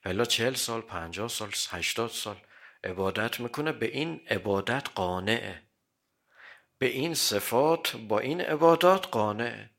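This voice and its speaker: Bright-voiced man preaching a sermon. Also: medium pitch, animated. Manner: quotes Arabic hadith then explains in plain Persian; clears throat often. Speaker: cleric. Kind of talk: religious sermon.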